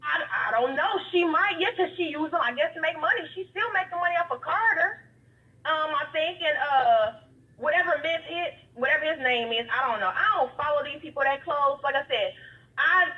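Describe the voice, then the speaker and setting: A woman calling in over a phone line, chatting casually and telling stories with lively slang. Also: high-pitched, normal speed. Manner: chatty, animated storytelling with slang. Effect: heard over a phone line. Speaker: caller. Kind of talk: casual call-in chat. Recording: muffled, distant phone line.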